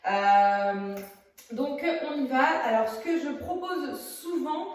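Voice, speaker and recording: A woman's voice: sits high, lively intonation, takes it slowly, darkish tone. Woman, drama teacher, casual chatty delivery with hesitations; distant phone mic, very echoey room. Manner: chatty, many hesitations, demonstrates while talking. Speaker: theatre workshop teacher. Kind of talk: casual video lesson. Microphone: phone camera at a distance.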